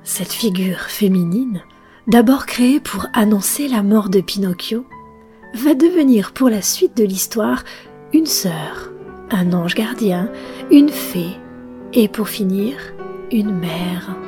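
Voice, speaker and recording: A woman narrating a tale and commenting on it, often in a soft whisper with measured delivery. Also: medium pitch, expressive, soft background music. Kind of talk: read-aloud narration with commentary.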